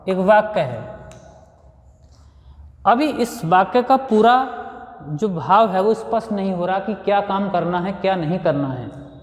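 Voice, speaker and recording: Indian guy teaching grammar to kids, slow and patient, highish voice, echoey classroom sound. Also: slight background noise. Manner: patient, explanatory, repeats and restates points. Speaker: school teacher. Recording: echoey room with long reverb.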